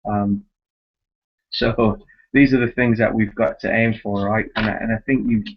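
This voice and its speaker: The host here is a youth soccer club director conducting a conversational interview on a muffled, lo-fi conference call. Speaking at normal speed with a lowish voice and fairly even intonation, he stresses points emphatically, repeats words, and keeps asking for agreement with tag questions.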